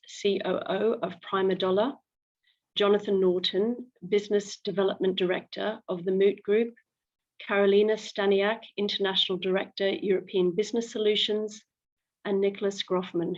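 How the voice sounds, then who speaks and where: A woman moderating a roundtable over a video call, measured and formal as she reads out names and titles. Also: mid-range voice, highs cut off. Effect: heard over a video call.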